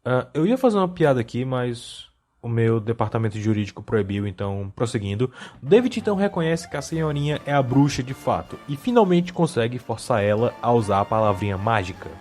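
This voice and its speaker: A man's voice: mid-range voice, very animated, brisk, a little mellow, faint music behind. Brazilian man giving wry, casual commentary. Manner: rambling, wry asides. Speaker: video essay host.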